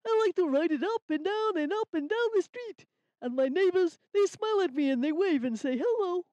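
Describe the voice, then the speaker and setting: A woman's voice: very high-pitched, expressive, fairly quick, a little mellow, no echo. A woman voicing a cheerful, earnest young male rabbit in a children's puppet story, speaking in simple, careful sentences. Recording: slightly dull lo-fi sound.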